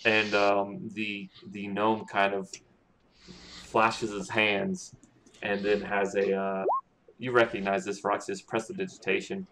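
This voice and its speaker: Slow, halting game master, low voice. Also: male voice, little pitch movement. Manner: halting, with many restarts. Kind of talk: narrating a tabletop game. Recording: noisy with clicking.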